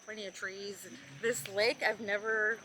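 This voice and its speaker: A woman's voice: mid-range voice, level tone, moderate pace, background noise. A woman co-hosting a motorcycle vlog, chatting casually in an outdoor recording. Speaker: motovlog co-host. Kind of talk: casual chat.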